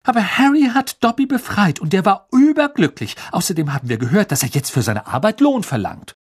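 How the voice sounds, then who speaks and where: A man's voice: very animated, a little fast, slightly rough, exaggerated voice. A man voicing an earnest, clever teenage girl in an audiobook, eager and insistent. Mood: indignant. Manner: eager and insistent, high and breathless. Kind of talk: audiobook character voice.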